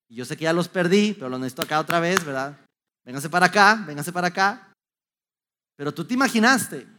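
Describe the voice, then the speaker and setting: A middle-aged man gives a motivational talk to an audience. He tells stories in an animated way, with many restarts. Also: high voice. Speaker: youth speaker.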